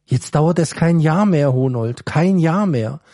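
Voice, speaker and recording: A man reading a story does a middle-aged prison guard with a gruff, grumbling manner and a soft heart. The voice sits a little high but stays dark and mellow. It is recorded dry and close. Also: lively intonation, measured pace, dry recording. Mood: good-natured. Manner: grumbling, gruff, then scolding.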